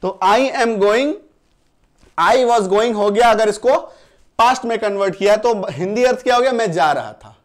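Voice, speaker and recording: A man's voice: high-pitched, measured pace. A male English grammar teacher explaining rules in a Hindi-medium lesson, repeating each point and often checking that students follow. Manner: reassuring, plain explanations.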